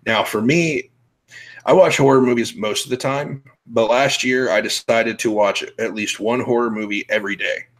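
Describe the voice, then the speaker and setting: A man's voice: medium pitch, normal speed, a bit bright, low-quality recording. A young man hosting a show, chatting casually with blunt, profane, laughing talk. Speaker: podcast host. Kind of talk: casual chat.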